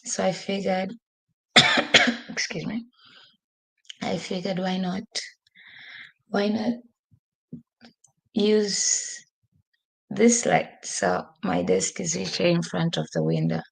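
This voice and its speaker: Slow and expressive, a podcast host with a fairly low, gravelly, slightly bright voice with a breathy edge chats on a live stream from her new home's desk by the window. She pauses often, laughs frequently, rambles and says she's losing her voice, all captured in low quality on a computer microphone.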